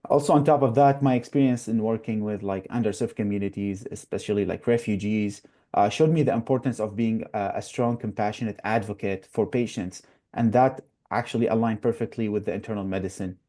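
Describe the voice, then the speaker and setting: A young man from Iraq, newly matched as a resident doctor, answers interview questions as a guest, earnestly and with frequent fillers. His lowish, warm voice moves a little fast with hardly any pauses.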